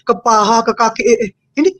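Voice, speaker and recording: A woman appears as an interview guest, sharing an emotional personal testimony in which she repeats phrases and her pitch swings widely. She talks quickly, her voice sounds slightly bright, and there's no room sound.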